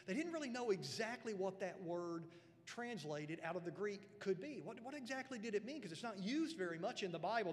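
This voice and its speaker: A male pastor preaching a sermon in a church sanctuary, earnest and emphatic, often repeating words as he builds a point. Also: high-pitched. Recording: long church hall reverb.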